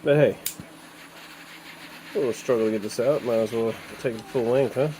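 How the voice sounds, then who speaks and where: In a workshop or garage on a cold day, a man hosts a casual hands-on DIY repair video, chatting and thinking aloud with some playful repetition of words. His medium-pitched voice is warm and at normal speed, on a rough recording with slight background noise.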